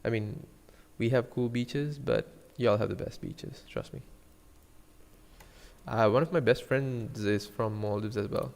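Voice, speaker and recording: A man's voice: medium pitch, measured pace, vocal fry, darkish tone, big-room sound. A young man from Sri Lanka, a 3D designer chatting casually and joking with viewers while he models on a live stream. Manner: rambling, joking with chat viewers.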